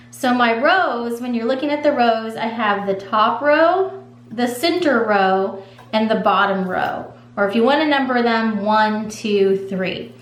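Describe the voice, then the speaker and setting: A woman casually walking viewers through a craft project step by step, in a relaxed, reassuring way. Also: fairly high pitch. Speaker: craft tutorial host. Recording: echoey room with faint hum.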